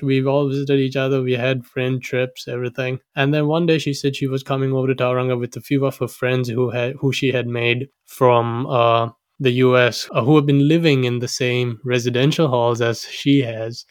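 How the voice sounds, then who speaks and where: A man's voice: mid-range voice, fairly even intonation, normal speed, few pauses, no room sound. Dry, close young man from Sri Lanka. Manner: chatty, with frequent restarts and laughs. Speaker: guest storyteller. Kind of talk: casual personal storytelling.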